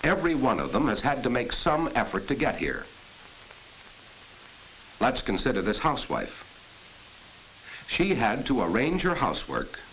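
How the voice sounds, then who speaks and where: A man with a medium-pitched, slightly bright voice narrates a corporate training film in the earnest 1940s style, speaking directly to the viewer as he teaches. The recording is low quality, with the hiss of an old film soundtrack.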